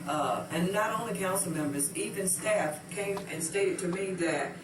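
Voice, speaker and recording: A man who is a mayor answering interview questions in a measured, explanatory way with fillers. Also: high voice. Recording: echoey room from far off, noisy.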